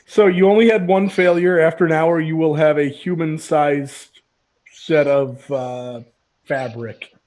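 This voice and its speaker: A man's voice: on the high side, steady tone, measured pace, a little mellow. A man acting as game master, explaining rules and outcomes to players in a playful, teasing way on a live stream. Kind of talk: narrating a tabletop game. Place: home studio, live stream.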